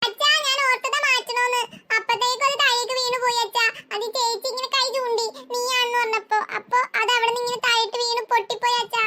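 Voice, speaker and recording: A woman's voice: level tone, fast talker, hardly any pauses, sharp tone. A woman voicing a stubborn little girl who whines and pleads in a family comedy sketch. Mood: pleading. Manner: high childish pleading, whining. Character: little girl, whiny and stubborn younger sister. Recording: noisy home recording.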